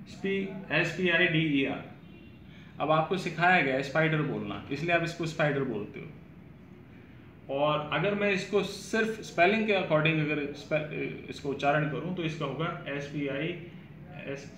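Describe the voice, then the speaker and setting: A man's voice: fairly high pitch, fairly bright tone, a little hiss or hum. Man teaching pronunciation, echoey room. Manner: explanatory, repeats words to demonstrate pronunciation. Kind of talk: explaining a course to students. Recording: echoey room with faint ambience.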